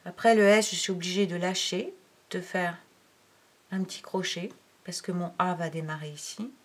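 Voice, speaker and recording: A woman's voice: fairly low pitch, steady tone, breathy edge. A woman teaching handwriting to a young pupil, talking through each stroke step by step and counting aloud, sometimes dropping to a near-whisper. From France. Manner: slow, counting aloud while writing, drops to near-whisper. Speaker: primary school teacher.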